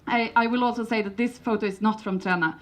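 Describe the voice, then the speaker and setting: The speaker is a woman from Sweden presenting at a conference in English, her Swedish-accented voice on the high side, steady, and brisk. She hesitates often, restarting and using fillers, but keeps a lightly humorous tone.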